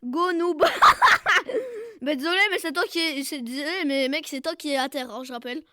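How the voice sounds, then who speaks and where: High, bright, excitable woman gamer. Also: fast talker, slight background noise. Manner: excitable, bursts into loud shouts and cries; jokey, self-mocking. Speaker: gaming video creator. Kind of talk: casual gameplay commentary.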